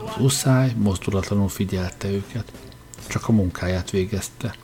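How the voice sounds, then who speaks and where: A man reading a science fiction story aloud as narrator, in a steady, measured way. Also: on the low side.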